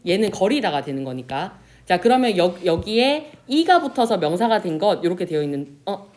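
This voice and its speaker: A woman teacher giving a classroom lesson, asking questions and answering them herself, and drawing out example words slowly. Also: lowish voice. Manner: lively, pronounces example words slowly and drawn out. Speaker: Korean language teacher. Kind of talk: classroom lecture.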